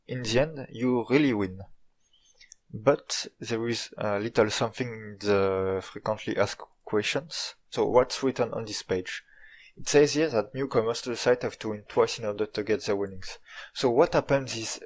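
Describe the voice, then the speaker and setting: A man with a French accent, a native French speaker, narrating an informal video story in a dry, tongue-in-cheek manner. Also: fairly low pitch. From France.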